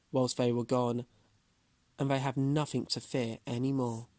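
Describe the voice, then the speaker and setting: A man's voice: medium pitch, darkish tone, no room sound. A man reading a children's storybook aloud as a storyteller.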